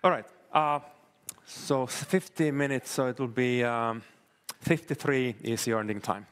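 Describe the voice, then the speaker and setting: A man's voice: medium pitch, unhurried, fairly bright tone. A man hosting an event who introduces the next speaker hesitantly, with many fillers. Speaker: event host. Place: event hall.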